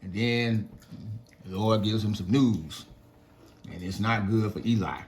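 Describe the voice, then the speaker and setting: A man casually retelling a Bible story to his children, lively and slangy, acting out the dialogue. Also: lowish voice, a little slow. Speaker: father telling a Bible story.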